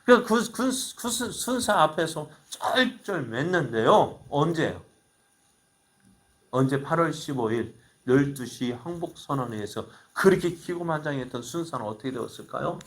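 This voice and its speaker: A middle-aged man preaching a sermon as pastor, asking the congregation questions and swinging between loud bursts and quiet asides. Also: fairly high pitch, animated, moderate pace.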